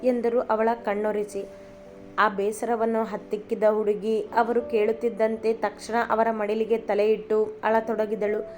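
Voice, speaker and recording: Woman narrating a story, flat delivery. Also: medium pitch, measured pace. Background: soft instrumental music.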